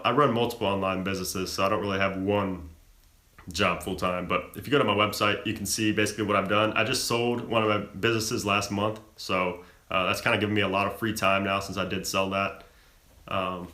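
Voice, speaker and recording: Hosting a casual live Q&A, this young man from the American South reads out questions from his audience before tossing off answers. The voice leans low and sharp, and the recording sounds roomy.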